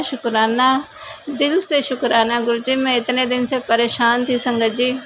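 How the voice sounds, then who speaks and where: A woman's voice: a little high, a bit bright, slight background noise, rough recording. A middle-aged woman tells her devotional testimony in an earnest, grateful way and keeps repeating her thanks.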